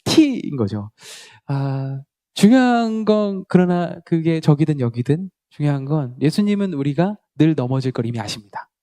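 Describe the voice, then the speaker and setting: Young man preaching with mellow voice. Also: on the high side, animated, moderate pace, dry recording, studio quality. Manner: storytelling, acts out dialogue, swings from loud to quiet. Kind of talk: sermon.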